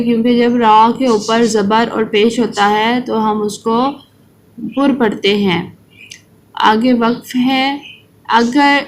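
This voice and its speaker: Higher-pitched woman teaching slow recitation. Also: a little hiss or hum, low-quality recording. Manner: slow, drawn-out recitation alternating with quick explanations. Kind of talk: children's tajweed lesson, recite-after-me.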